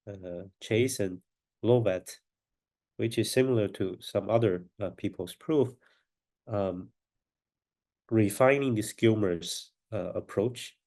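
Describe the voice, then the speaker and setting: Working through a mathematical proof one step at a time, a man speaks in a lowish, warm voice. A cold has left his nose stuffy, and his delivery is slow, halting and deliberate.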